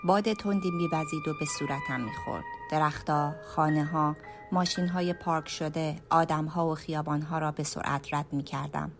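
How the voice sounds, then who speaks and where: Low-voiced woman narrating a hushed radio story. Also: huge pitch swings, over music. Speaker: storyteller and writer.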